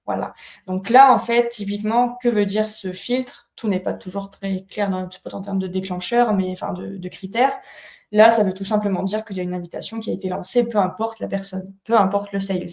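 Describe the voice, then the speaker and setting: A woman giving a live webinar software demo, explaining step by step with many fillers and restarts. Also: mid-range voice, steady tone, brisk, vocal fry, reverberant. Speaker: product co-founder demoing software in a webinar.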